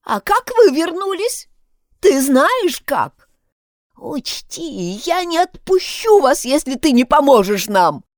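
A woman's voice: a little high, wildly swooping pitch, unhurried, a little mellow, no room sound, studio quality, voice pushed up. A woman voicing a grieving, angry old village grandmother who pleads shrilly and tearfully. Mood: shouting.

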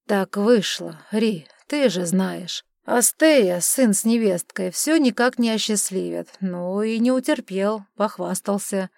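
A woman voicing a lazy, charming duke in an audiobook, talking in a calm, coaxing way. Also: medium pitch, slow pace, creaky, no echo, studio quality. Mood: coaxing, teasing. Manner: coaxing, placid. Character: lazy, charming middle-aged male duke. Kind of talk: audiobook character reading.

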